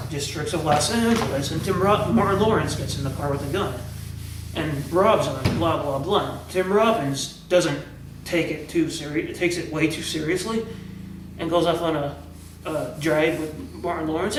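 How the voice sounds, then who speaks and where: A man rambles through a movie scene and a couple of jokes, restarting his sentences as he goes. His voice sits a little high. He sounds far from the mic in an echoey room, with a faint hiss underneath. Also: moderate pace. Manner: rambling storyteller with restarts, acts out quoted lines. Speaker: co-host. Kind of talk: casual chat, retelling movie scenes and jokes.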